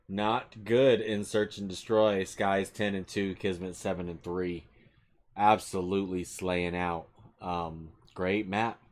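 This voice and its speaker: A man with a fairly low voice is commentating a live esports match. He speaks as a caster covering the action and the state of the series.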